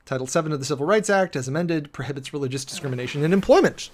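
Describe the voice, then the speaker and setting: This American man's voice sits on the high side, with lively intonation and a racing pace. He gives a dramatic reading laced with off-the-cuff commentary, sardonic and emphatic, tossing in mock-exasperated asides like a preacher-commentator.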